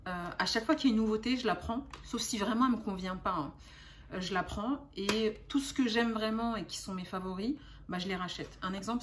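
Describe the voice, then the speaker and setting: A woman's voice: mid-range voice, slight background noise. A young adult woman chatting casually as a beauty vlogger, talking in a chatty, hesitant way with frequent fillers and restarts. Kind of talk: casual haul chat.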